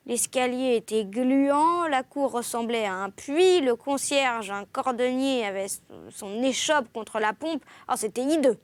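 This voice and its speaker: This is a woman reading a classic novel aloud, in an expressive literary style. Her voice sits high, and the recording is close and dry with no room sound. She gives each exclamation a clear lift. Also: no room sound. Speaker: audiobook reader.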